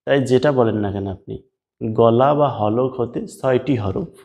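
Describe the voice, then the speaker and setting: A man's voice: medium pitch, moderate pace, dark tone, lo-fi sound. A man teaching pronunciation of letter sounds step by step, patiently drilling the listener with repeated sounds and asking them to repeat after him. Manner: patient, addresses the viewer as brother. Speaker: Quran recitation teacher. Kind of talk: slow step-by-step pronunciation lesson.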